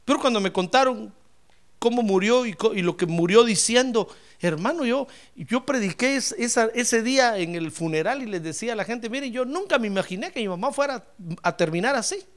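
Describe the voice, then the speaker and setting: A male pastor preaching a sermon, fervent, swinging from loud exclamations to quiet asides and often addressing his listeners directly. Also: very high-pitched, lively intonation, a little fast. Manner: repeatedly addresses listeners as "hermano".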